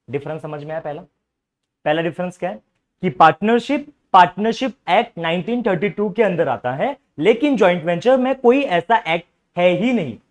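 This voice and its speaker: A young man teaching a commerce class, repeatedly quizzing students and coaxing them to ask doubts. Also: high voice. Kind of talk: classroom lecture.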